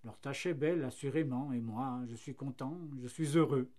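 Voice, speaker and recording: A man's voice: medium pitch, moderate pace, mellow, close to an everyday voice. A man voicing a cheerful, self-satisfied flax plant that becomes linen and then paper, marvelling at its fortune. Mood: content.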